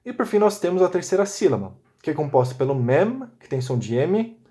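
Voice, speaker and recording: A middle-aged man with a fairly high voice for a man, giving a recorded lesson. He explains patiently and methodically, breaking things into small steps and often checking that his listeners are following. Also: big pitch swings, fairly quick, dark tone. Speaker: teacher.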